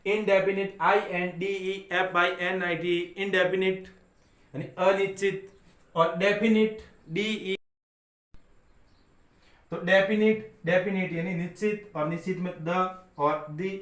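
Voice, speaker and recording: High-voiced Indian man teaching slowly. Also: roomy sound. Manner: repeats questions and answers them himself. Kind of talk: classroom grammar lesson.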